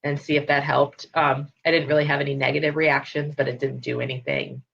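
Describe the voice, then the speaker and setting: A woman's voice: low-pitched, little pitch movement, brisk, creaky, slightly rough. A woman in her thirties chatting as a guest over a video call, with lots of fillers and restarts. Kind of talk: casual interview chat. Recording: dull lo-fi video call audio.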